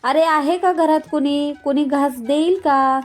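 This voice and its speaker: A woman voicing a poor old beggar woman who speaks low and stern, over faint music. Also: moderate pace, a little mellow. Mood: pleading.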